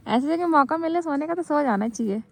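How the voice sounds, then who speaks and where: A woman's voice: high voice, expressive, fairly quick. Chatty young woman vlogging on a windy summit. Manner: chatty, upbeat, teasing friends. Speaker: travel vlogger. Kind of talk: casual vlog narration outdoors. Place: windy mountain summit outdoors. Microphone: handheld phone camera.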